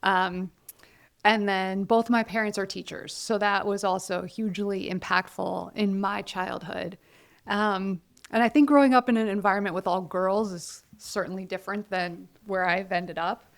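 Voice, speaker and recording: Woman, forties, from Ohio, gravelly, candid, self-deprecating, interview guest. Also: mid-range voice, moderate pace. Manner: candid, self-deprecating, quotes others in lively voices. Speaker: guest, college counselor. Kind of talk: casual interview conversation.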